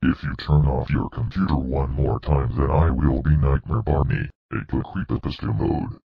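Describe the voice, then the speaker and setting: A demonic evil purple dinosaur, gloating and threatening at a slow, deliberate pace. The voice sits extremely low with a gravelly, husky edge. It comes through dull and muffled, like a lo-fi cartoon track. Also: male voice, exaggerated voice. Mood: menacing.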